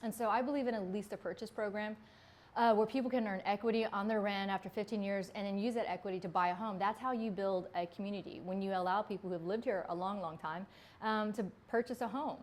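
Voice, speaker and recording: A woman's voice: medium pitch, fairly even intonation, fast talker. A woman in her forties from Vietnam, a city council candidate talking earnestly in an interview, with plenty of ums. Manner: earnest, conversational, with frequent ums.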